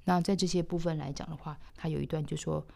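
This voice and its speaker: Soft-spoken woman teaching piano. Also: low voice, steady tone, fast, creaky. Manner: thoughtful, explains step by step, sometimes trails off softly. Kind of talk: explaining a piano score. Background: piano playing.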